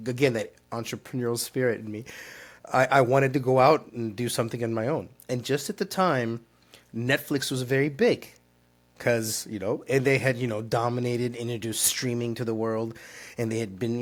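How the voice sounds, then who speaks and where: A middle-aged man from Turkey, a startup founder, telling his story in an interview with an earnest, rambling manner full of fillers and restarts. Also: fairly low pitch.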